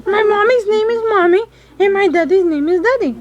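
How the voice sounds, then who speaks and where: Performer as friendly, curious little dragon puppet on a phone call. Extremely high voice, slightly dull lo-fi sound. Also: brisk. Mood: amused, surprised. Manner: talking as if over the phone, simple questions to a small child. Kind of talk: improvised puppet chat over the phone.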